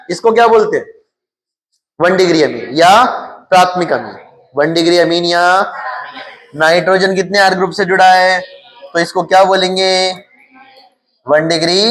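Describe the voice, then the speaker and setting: A man's voice: sits high, fairly bright tone. A male chemistry teacher with a Hindi accent lecturing his class. He keeps asking questions and answers them himself, repeating the key terms.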